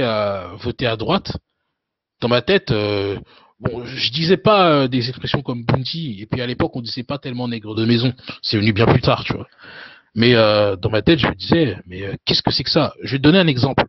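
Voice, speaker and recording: A man's voice: medium pitch, no room sound. Casual man with a dull, dry sound. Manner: loose, with frequent hesitations and "you know" tags. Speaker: guest. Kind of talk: casual conversational interview.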